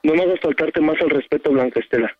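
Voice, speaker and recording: A man's voice: fairly high pitch, fast talker, no room sound. A man with a Mexican accent arguing heatedly on a phone call, curt, angry and swearing, threatening to leave. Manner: foul-mouthed. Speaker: prank call victim on a radio show.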